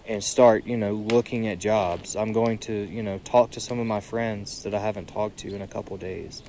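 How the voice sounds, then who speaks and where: A tired young man musing aloud in a solo vlog, seated outdoors by a creek, filling his pauses with "you know". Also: on the low side, steady tone, warm tone, slight background noise. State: tired, yawning. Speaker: podcast vlogger. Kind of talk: reflective solo monologue. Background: faint creek water and birdsong.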